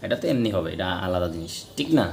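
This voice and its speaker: A man's voice: low-pitched, lively intonation, fast, creaky, a little mellow. A man teaching English grammar, explaining step by step and answering his own questions. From Bangladesh. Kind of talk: spoken grammar lesson.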